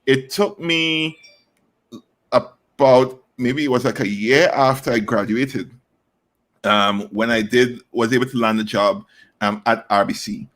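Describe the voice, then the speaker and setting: Here the same kind of guest speaks: a man in his thirties from Trinidad and Tobago who works in inclusive recruitment. He answers interview questions earnestly but with plenty of fillers and restarts, in an unhurried, mid-range voice that's a bit bright.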